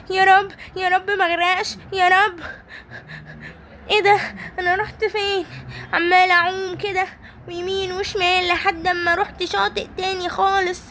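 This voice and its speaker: A woman's voice: extremely high pitch, a bit bright, slight background noise, voice pushed up. A woman voicing a small, frightened lion cub toy who talks in a whiny, pleading way.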